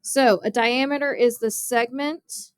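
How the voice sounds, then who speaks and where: A woman's voice: fairly high pitch, a little slow, clear, resonant tone, no room sound. A young woman math teacher giving a classroom geometry lesson, explaining step by step and often asking her students questions.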